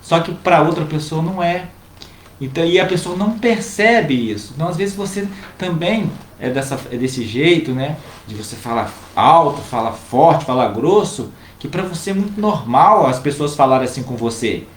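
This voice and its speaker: A man, co-hosting a casual advice chat and calmly explaining to viewers. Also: a little high, normal speed. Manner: calm, explanatory, addresses viewers directly. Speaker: co-host giving family advice. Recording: roomy with faint background noise.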